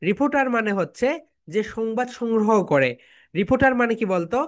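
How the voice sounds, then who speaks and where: A woman teaching English, explaining in Bengali and slowly repeating English phrases for her students to chant back. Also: on the high side, expressive. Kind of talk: online classroom lesson.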